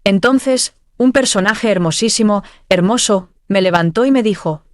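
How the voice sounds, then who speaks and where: A woman's voice: mid-range voice, normal speed, dry recording, studio quality. A woman telling of a dream vision at church, earnest and heartfelt. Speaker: church member giving testimony.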